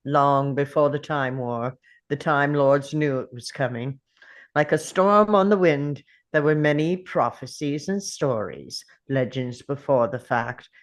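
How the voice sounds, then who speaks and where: A performer playing a brooding, clever time-travelling alien man in a dramatic table read, speaking in a theatrical, deliberate way as if pondering aloud. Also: mid-range voice, natural voice. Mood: grave, confessional.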